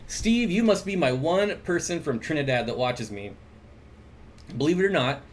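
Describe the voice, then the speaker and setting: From a desk mic at his computer, a man hosts a livestream about home aquariums, chatting loosely and reading out viewer comments between jokey asides. His voice is middle-pitched, with a faint hum of room noise underneath.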